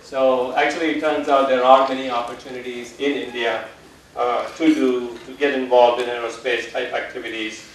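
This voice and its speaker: A man giving a relaxed public lecture, his talk studded with "uh" fillers. He is heard from a distance in a large hall, with heavy echo and a faint hum of room noise behind him. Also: mid-range voice, normal speed. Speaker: guest lecturer. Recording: echoey hall, voice from far off.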